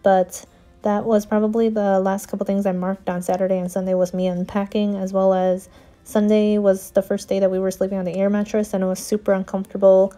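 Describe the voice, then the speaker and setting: A woman's voice: mid-range voice, level tone, brisk, mellow. A young woman telling a story in a casual, chatty, candid vlog voiceover. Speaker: planner vlogger. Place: home, voiceover.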